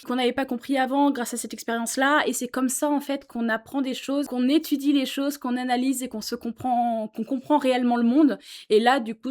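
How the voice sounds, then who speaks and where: A woman musician talking earnestly to camera from a sofa in her small office, in a casual chat full of fillers. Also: fairly high pitch. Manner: earnest, thoughtful, with many fillers. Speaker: YouTuber and musician.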